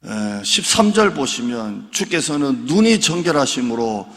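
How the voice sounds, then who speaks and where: Gravelly-voiced man preaching in a church hall. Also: mid-range voice, a little slow. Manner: emphatic, rising into animated outbursts. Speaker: pastor. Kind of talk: sermon. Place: church sanctuary. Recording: long hall reverb.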